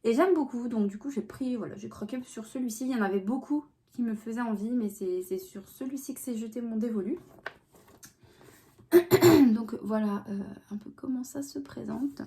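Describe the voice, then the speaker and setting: A woman's voice: on the high side, normal speed, warm tone. A woman talking casually in a vlog, chatty and rambling, with many fillers and restarts. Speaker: vlogger.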